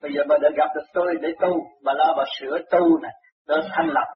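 Fast, high-voiced man counseling reassuringly. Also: steady tone. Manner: reassuring, lecturing. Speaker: spiritual counselor. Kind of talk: counseling chat. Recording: muffled recording, faint noise.

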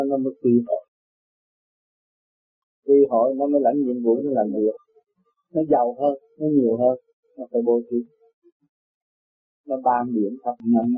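A man giving a measured, didactic spiritual teaching. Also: mid-range voice, slightly rough. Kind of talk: religious teaching. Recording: phone-like sound, faint music.

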